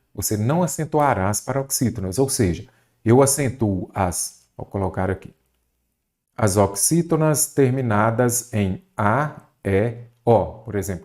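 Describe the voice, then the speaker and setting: A man's voice: lowish voice, a little mellow. A Brazilian man teaching a Portuguese grammar lesson for exam prep, asking questions and answering them himself.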